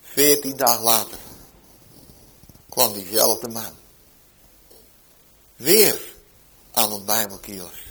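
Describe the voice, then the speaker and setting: A man preaching, telling a story from his ministry with emphatic swings between loud declarations and hushed tones. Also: on the low side, slow pace, long pauses, husky, rough recording. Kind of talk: sermon anecdote.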